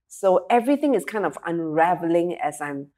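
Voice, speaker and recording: A Singaporean woman in her forties, an emotional resilience speaker, tells her story as a guest in a candid studio interview on a sofa set, wearing a lapel mic. She's reflective and earnest, with fillers and restarts. Her fairly low, dark voice has lively intonation and a slightly fast pace.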